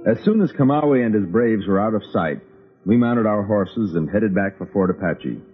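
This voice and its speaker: Reflective cavalry officer narrator played by a man, low and expressive, old-time radio drama on a thin, tinny recording. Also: normal speed, soft background music, close to an everyday voice. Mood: solemn, reflective. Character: reflective male cavalry officer recounting his memories.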